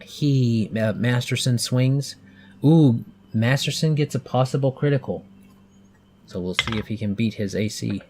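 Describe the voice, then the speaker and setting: A man's voice: mid-range voice, measured pace, darkish tone, slight background noise. A man in his thirties narrating a tabletop game for a child as game master, patiently explaining the rules with plenty of fillers.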